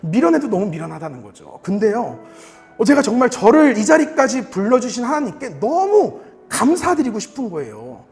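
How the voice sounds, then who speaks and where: A young man preaching a sermon, telling a personal story in an animated way and acting out his younger self with laughter. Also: high voice, moderate pace, soft background music. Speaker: pastor. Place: church sanctuary. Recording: reverberant church hall.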